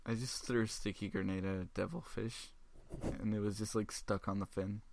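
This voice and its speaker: A man's voice: fairly low pitch, flat delivery, normal speed, gravelly, noisy background. A man co-hosting a casual podcast, rambling with lots of filler words and swearing. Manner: rambling with many likes, swearing. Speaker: podcast co-host.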